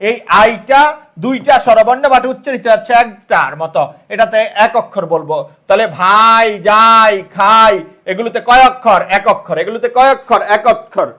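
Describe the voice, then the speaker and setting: A man's voice: very high voice, lively intonation, brisk, a bit bright. A man teaching an online exam-prep grammar lesson, breaking words into syllables, repeating his questions and checking that students follow. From Bangladesh. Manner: explains step by step, repeats questions and checks understanding.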